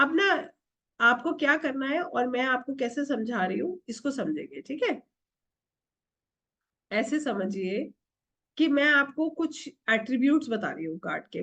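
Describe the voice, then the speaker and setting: This tarot teacher's high-pitched, slightly bright voice comes through a video call with the highs cut off. Middle-aged, she mixes English into her Hindi while quizzing her online class and supplying the answers herself.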